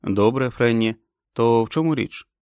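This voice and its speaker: A man playing a calm, kindly doctor who speaks in a measured, reassuring way. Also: medium pitch, clean tone, dry recording, clean studio sound, lightly acted.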